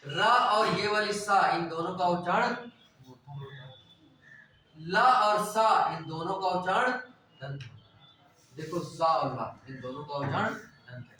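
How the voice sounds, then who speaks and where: A man's voice: high voice, pushed and bright, far from the mic, a little hiss or hum. A man teaching a class, explaining step by step and asking questions that he answers himself. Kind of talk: classroom lecture. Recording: echoey room, voice off-mic.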